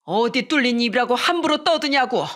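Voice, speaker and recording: A woman's voice: a little high, animated, a little fast. Woman playing an enraged older father. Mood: furious. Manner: shouting, furious. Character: enraged older father confronting his son-in-law.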